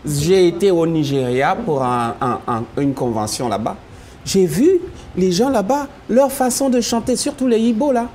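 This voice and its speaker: A singer whose first language is Yakuba, chatting in an interview and telling stories with a laugh. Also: male voice, sits high, normal speed, a little hiss or hum. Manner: animated storytelling, laughing often. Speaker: gospel singer. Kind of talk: casual interview chat.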